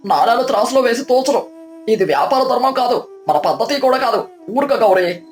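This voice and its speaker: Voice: mid-range voice, lively intonation, normal speed, roomy sound, natural voice. Subbayya, a stammering crooked merchant, voiced by an actor. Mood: blustering. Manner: stammering, evasive. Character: crooked village merchant, nervous and blustering.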